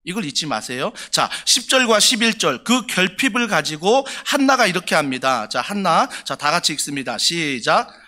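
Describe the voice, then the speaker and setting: A man's voice: sits high, very animated, normal speed, hardly any pauses, sharp tone. A male pastor preaching an emphatic sermon in a church, often asking the congregation questions. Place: church sanctuary.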